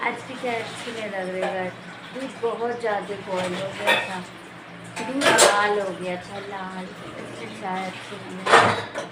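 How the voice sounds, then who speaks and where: A woman's voice: mid-range voice, steady tone, measured pace. A woman vlogging at home while she cooks, chatting to her viewers and calling them guys. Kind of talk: casual cooking vlog. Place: home kitchen, indoors. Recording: echoey kitchen with background noise.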